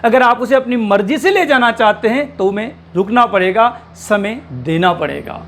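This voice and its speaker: A man with a strikingly high voice teaches a grammar lesson to exam students. He works through examples step by step and keeps asking the class rhetorical questions. When he spells out single sounds he slows down and draws the words out. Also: lively intonation, a bit bright.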